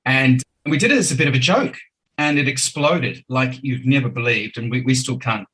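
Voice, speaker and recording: A man talks as a podcast guest. He is chatty and enthusiastic, scattering ums and restarts through long stories. His voice sits in an ordinary middle pitch. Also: normal speed, sharp tone, rough recording. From New Zealand. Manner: chatty, enthusiastic, filler-laden. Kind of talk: casual interview storytelling.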